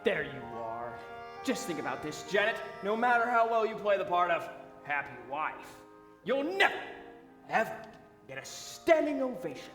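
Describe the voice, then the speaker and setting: An actor playing a scheming showbiz producer who taunts the bride. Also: male voice, high-pitched, sing-song, normal speed, a bit bright, faint music behind. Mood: taunting. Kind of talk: stage musical acting. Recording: distant voice in echoey theatre hall.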